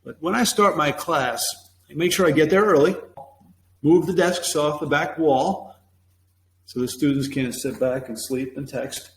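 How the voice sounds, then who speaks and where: A fairly high-pitched man teaching with punchy, opinionated emphasis. His voice bounces around an echoey classroom, with a faint hum of noise underneath. He coaches on how to open a lesson or a talk. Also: unhurried. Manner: acts out classroom phrases in a bright higher voice. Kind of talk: instructional talk to camera. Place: classroom with a whiteboard.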